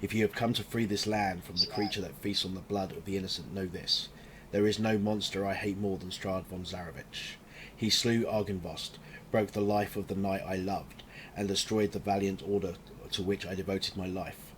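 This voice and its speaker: A man voicing a gaunt undead knight in a tabletop game, bitter and threatening, with a deep gravelly growl and solemn archaic speech. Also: fairly even intonation, moderate pace, a bit bright, a little hiss or hum, poor audio. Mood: grim, vengeful. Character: gaunt undead knight revenant, embittered, doomed and vengeful.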